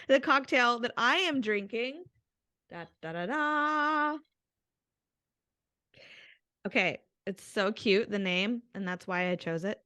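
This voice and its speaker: A woman's voice: mid-range voice, measured pace, sharp tone, no room sound, studio quality. A young adult woman co-hosting a podcast with her mother, chatting casually and laughing often over a video call. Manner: giggly, chatty. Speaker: podcast co-host. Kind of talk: casual chat.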